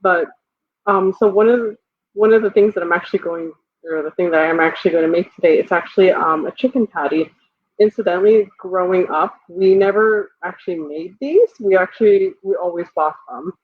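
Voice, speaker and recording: A young woman from Guyana speaks as a guest on a video call, chatty and full of "like." Her voice is husky and heard close and dry. The line sounds tinny, like a phone. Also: lowish voice, a little fast, dry recording. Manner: chatty, lots of "like". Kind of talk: casual chat.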